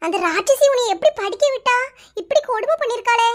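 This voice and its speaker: Lady doing a very high-voiced cartoon village mom, fussing and outraged for the girl. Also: expressive, quick pace. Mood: concerned. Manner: sympathetic, indignant, fussing. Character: caring older-sister village woman, mother of two. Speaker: elder sister figure. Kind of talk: cartoon voice acting.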